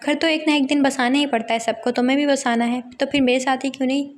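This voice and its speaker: A woman's voice: high-pitched, steady tone, fast talker, close to an everyday voice. A woman reading the part of a brash young man at a university, teasing and domineering in a romance novel. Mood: teasing, insistent.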